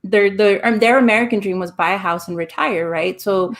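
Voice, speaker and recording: Chatty woman host with a gravelly edge. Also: mid-range voice, fairly quick. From El Salvador. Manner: upbeat, chatty, fillers like "like" and "um". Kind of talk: casual roundtable chat.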